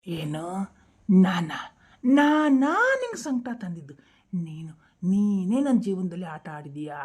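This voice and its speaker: A woman's voice: lowish voice, expressive, a little slow, dark tone, husky. Woman voicing a vengeful wailing spirit. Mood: accusing. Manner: accusing, taunting, wailing. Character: vengeful female spirit possessing someone, demanding truth.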